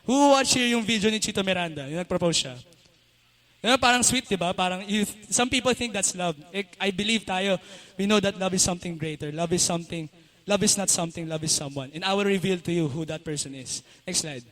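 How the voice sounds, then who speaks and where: High-voiced young Filipino man preaching casually. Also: fairly quick, a bit bright. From Philippines. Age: young adult. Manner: chatty, laughs often, switches between Tagalog and English. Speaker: youth speaker. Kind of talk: casual youth sermon. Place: church youth service hall.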